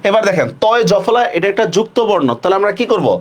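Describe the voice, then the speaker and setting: A man's voice: high voice, animated, quick pace. A man teaching a live online class, repeating questions and checking often that students follow.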